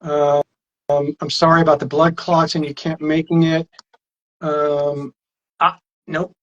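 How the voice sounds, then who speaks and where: A man's voice: a little high, little pitch movement, takes it slowly, highs cut off. A man hosting a casual live stream on a phone or webcam, rambling and reading viewer comments aloud.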